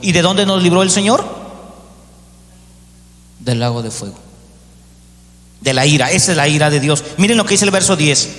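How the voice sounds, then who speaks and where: A man's voice: fairly high pitch, animated, normal speed, long pauses, fairly bright tone. A man preaching a sermon as pastor, rising to emphatic peaks and acting out the voices of doubters. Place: church. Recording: echoey church hall.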